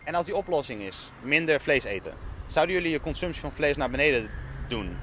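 A man's voice: fairly high pitch, animated, brisk, a bit bright. Young man interviewing on a street. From Netherlands. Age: young adult. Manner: probing, persistent questions. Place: busy town street outdoors. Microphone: handheld mic with fur windscreen. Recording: faint street noise.

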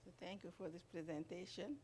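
A man from Senegal asking a question from the audience in a lecture hall, halting and repeating words as he searches. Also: high voice, steady tone, vocal fry, a little mellow, a little hiss or hum.

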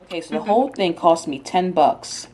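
A young woman vlogger with a lowish, husky, warm voice talks at a moderate pace, expressive and slangy, chatting casually and thinking out loud for a food vlog. She's filmed in her home kitchen on a handheld camera held at arm's length, with background noise audible.

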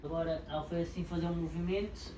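A man, excitedly retelling a story with repetition and laughter. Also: fairly high pitch, fast talker, a crowd in the background. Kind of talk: animated storytelling. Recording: roomy, distant, noisy home recording.

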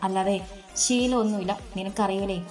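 A woman's voice: mid-range voice, fairly even intonation, moderate pace, darkish tone, faint music behind, close to an everyday voice. A woman voicing a troubled young husband. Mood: strained. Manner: hesitant, evasive.

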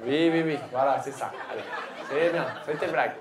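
A man in his thirties doing stand-up crowd work on a comedy club stage with a handheld mic, teasing an audience member with loud punchlines and quick asides. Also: on the high side, reverberant. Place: comedy club stage, dark curtain backdrop. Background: audience laughing.

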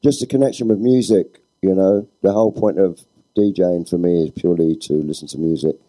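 A man's voice: low voice, steady tone, fairly quick, warm tone, no echo, rough recording. A man speaking on a live panel in a laid-back, philosophical way. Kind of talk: panel discussion.

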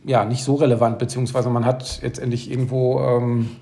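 A man's voice: mid-range voice, little pitch movement, brisk, gravelly, dark tone, a little hiss or hum. A man in his fifties, interviewed at home, answering hesitantly with many filler sounds. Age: 50s. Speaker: interviewee, father.

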